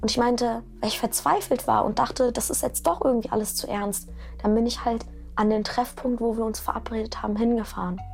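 A woman recounting her own life story in an interview, halting, repeating words and sometimes dropping to a whisper. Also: on the high side, fairly even intonation, vocal fry, faint music behind. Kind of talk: personal account in an interview.

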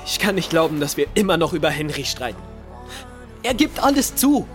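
A man's voice: on the high side, sing-song, brisk. A bitter young man who feels hunted in a naturalistic drama. He speaks in an agitated, defensive way. Faint music sits behind the voice. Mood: pleading. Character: bitter, agitated young person fearing being targeted.

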